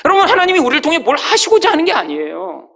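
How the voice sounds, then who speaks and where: A male pastor preaching a sermon with emphatic, rising exclamations that drop away quietly at the end of phrases, often calling out to the congregation. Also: huge pitch swings, racing, gravelly. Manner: swells to high exclamations, then drops low and quiet at phrase ends.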